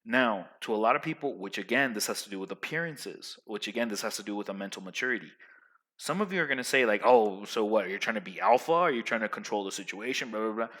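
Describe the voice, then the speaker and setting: A young man with a lowish voice gives his viewers casual social advice. He's loud and emphatic, rambling along and restarting often.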